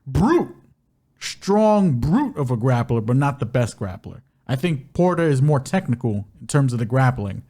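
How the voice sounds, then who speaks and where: A man co-hosting a podcast, talking through fight bets in a relaxed, animated way, laughing often. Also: mid-range voice, moderate pace. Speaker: podcast co-host. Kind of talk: casual sports betting chat.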